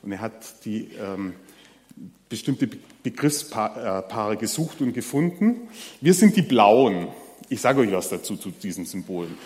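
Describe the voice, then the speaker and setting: A man's voice: lowish voice, sing-song, unhurried, a little mellow. Man preaching in a reverberant hall. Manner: conversational, addresses the audience directly with many fillers. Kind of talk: sermon.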